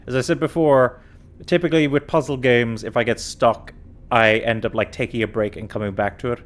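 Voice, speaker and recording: A man's voice: mid-range voice, steady tone, fairly quick. A tired man streaming a puzzle game in a casual, chatty way. He thinks aloud as he works through each clue, talking easily to his viewers. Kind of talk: casual let's-play commentary.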